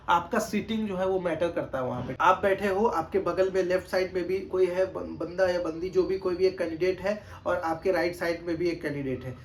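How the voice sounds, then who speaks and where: A man with a fairly high voice talks straight to the camera in a loose, casual tutorial, deliberately louder than he normally speaks. He keeps returning to his points with little check-ins, patient and instructive. A faint hum of background noise sits under the voice. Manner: raised, projected speaking voice. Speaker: test-prep tutor. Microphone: camera mic.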